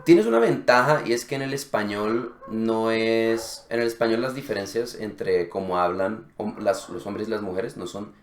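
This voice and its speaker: Low-voiced man explaining pronunciation. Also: moderate pace, few pauses, echoey room, slight background noise. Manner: explanatory, demonstrates sounds. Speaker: Spanish teacher co-host. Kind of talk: casual conversational lesson.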